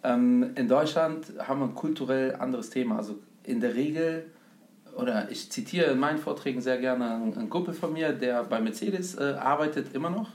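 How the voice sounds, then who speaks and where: A German man hosts a casual talk about investing in an echoey room, his medium-pitched, darkish voice moving fairly quickly. He sounds thoughtful and lecturing, explaining step by step with plenty of fillers.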